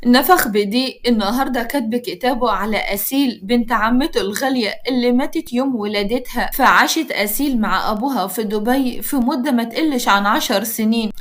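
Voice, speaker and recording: A woman with an Egyptian accent narrating a spoken story in a calm, even way. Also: fairly high pitch, fairly quick, few pauses.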